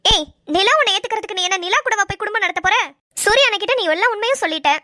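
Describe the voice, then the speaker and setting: A woman's voice: very high voice, very fast, bright, forceful tone, no room sound, studio quality. A woman voicing a blunt, carefree young friend in an amateur cartoon, brushing off worries in a brash, dismissive way.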